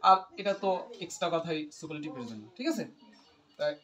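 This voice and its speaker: A man's voice: on the high side, animated, fast, a bit bright, a little hiss or hum. Male tutor drilling grammar with questions. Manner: asks questions and repeats the student's answers; patient, explains step by step. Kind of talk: English grammar lesson with call-and-response.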